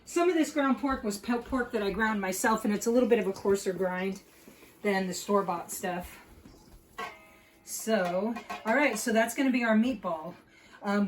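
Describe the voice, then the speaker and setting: A woman's voice: medium pitch, poor audio. Chatty woman cooking at home. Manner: chatty, explains steps with many fillers. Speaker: home cook host. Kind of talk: casual cooking demonstration. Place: home kitchen.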